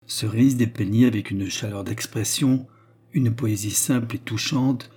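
A man narrating a classic novel as an audiobook in a measured, even reading style. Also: on the low side, breathy edge. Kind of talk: scripted literary narration.

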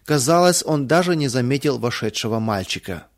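Man narrating, children's bible story, gentle reading, mid-pitched voice. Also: animated, brisk.

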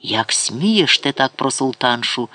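A man voicing a stern, powerful sultan who speaks in a slow, grave, menacing way in an audiobook. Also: on the high side, animated, fairly bright tone, pitched above the performer's own voice.

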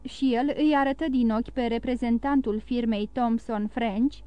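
A woman narrating a classic novel in an expressive, measured reading. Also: a little high, clear, resonant tone, no room sound. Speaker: audiobook narrator.

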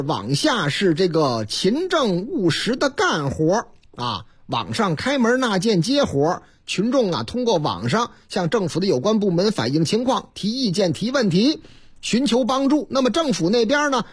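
Beijing-accented male radio host, husky, lively sing-song delivery, folksy press review. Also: sits high. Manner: chatty, joking asides, rhetorical questions.

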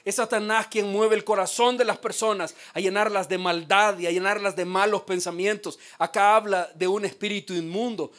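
High-voiced preacher swinging hushed to loud. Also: male voice. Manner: dramatic, acts out quoted voices, swings from hushed to shouted. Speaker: pastor. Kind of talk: sermon.

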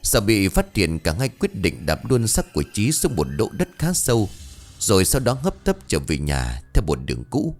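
A man narrating a ghost story with a dramatic, expressive reading. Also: on the low side, normal speed, faint music behind.

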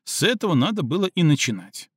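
A man's voice: fairly high pitch, big pitch swings, quick pace, slightly rough, no echo. A man voicing an ironic adult male onlooker with a dry, mocking delivery.

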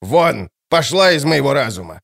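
A man voicing a very old, fanatical woman seer who hisses her words slowly and fervently. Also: medium pitch, big pitch swings, vocal fry, fairly bright tone, heavily acted. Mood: hissing. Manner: slow, hissing, fervent.

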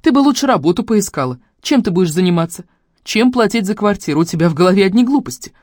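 A woman's voice: mid-range voice, expressive, fast talker, a little mellow, dry recording, studio quality, voice pushed up, natural voice. Woman doing a nagging, grumbling mother. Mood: scolding. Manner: scolding, reproachful, grumbling.

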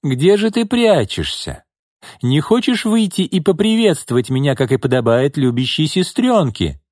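A man voicing a vengeful woman who speaks coldly and mockingly, sometimes with a soft pleading tone. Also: a little high, very animated, normal speed, no echo, studio quality, pitched above the performer's own voice. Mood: icy mocking. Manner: pleading, then icy and mocking. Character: cold vengeful woman back from the dead.

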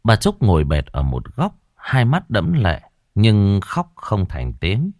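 A man's voice: lowish voice, huge pitch swings, slow pace, no room sound, studio quality. A man narrating a scripted audiobook in a solemn, dramatic storytelling manner. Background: soft background music.

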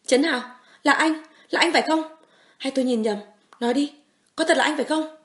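A woman voicing a frightened, tearful young woman who pleads in a high, stammering voice and turns sharp-tongued. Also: fairly quick, natural voice. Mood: pleading.

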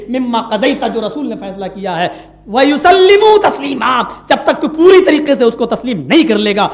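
High-voiced impassioned male preacher, echoey. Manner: impassioned, swings between soft asides and loud drawn-out Arabic quotes. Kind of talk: Urdu sermon. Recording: echoey room.

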